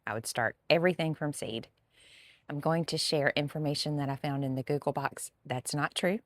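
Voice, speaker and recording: A woman's voice: deep voice, no echo. A woman, a gardening vlogger telling a chatty, dramatic story to camera.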